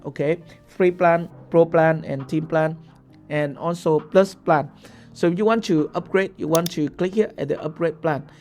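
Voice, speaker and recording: A young tutorial host whose first language is Vietnamese walks through a screen-share software tutorial step by step, often stopping to ask "okay?". His voice is a bit high with a gravelly fry, and faint music plays softly behind him in a small room.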